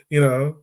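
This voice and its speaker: A gravelly, high-voiced man co-hosts a casual sports podcast. He talks in a relaxed, chatty manner, sprinkling "like" and "right?" throughout his points.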